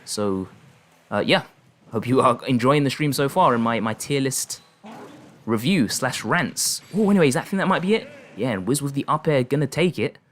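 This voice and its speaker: Over slight background noise, a man speaking at a moderate pace streams fighting games live, narrating the plays and talking with viewers. Big moments send his voice jumping upward, and he laughs frequently throughout his excitable commentary.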